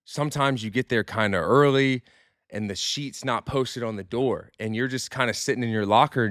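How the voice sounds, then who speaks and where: A man's voice: medium pitch, moderate pace, fairly bright tone, no echo, studio quality. A man hosting a podcast, a former pro athlete talking in a loose, candid way, swearing now and then and repeating words as he restarts. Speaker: podcast host, former pro baseball player. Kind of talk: casual podcast chat.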